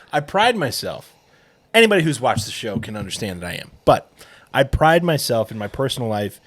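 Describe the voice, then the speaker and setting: Host type, wildly swinging pitch, excitable jokey delivery, faint background hiss. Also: male voice, normal speed. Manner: animated, enthusiastic, joking. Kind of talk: casual tasting chat.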